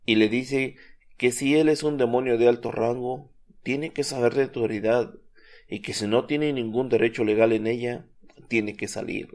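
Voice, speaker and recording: A man giving a measured, solemn scripted narration of a religious account. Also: medium pitch, fairly even intonation, a little mellow.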